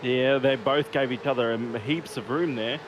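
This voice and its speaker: A man's voice: mid-range voice, steady tone, normal speed, lo-fi sound. A man giving casual motorsport commentary as co-commentator on a sim race. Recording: constant car engine noise. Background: race cars and engine noise.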